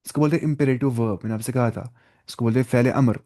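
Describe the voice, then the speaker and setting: Patient man teaching Arabic slowly. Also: mid-range voice, warm tone. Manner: slow, repeats each word and explains it patiently. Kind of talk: online language lesson.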